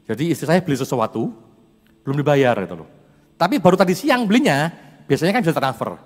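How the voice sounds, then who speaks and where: Animated man preaching in a church hall. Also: a little high, fast. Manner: chatty, animated storyteller who laughs often. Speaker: pastor. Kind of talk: sermon with personal storytelling. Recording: reverberant church hall, faint music.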